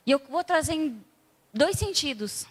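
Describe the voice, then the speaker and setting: A woman with a Brazilian accent preaching a sermon in a conversational way, acting out scenes with lively energy. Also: sits high, a little slow, long reverb tail. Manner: conversational, acts out scenes animatedly.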